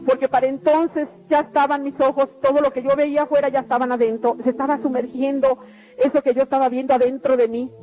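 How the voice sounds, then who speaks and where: Middle-aged woman, high voice, earnest testimony, dull lo-fi radio sound, faint music behind. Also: level tone, fast. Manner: earnest, repetitive storytelling. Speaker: testimony speaker. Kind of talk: personal religious testimony.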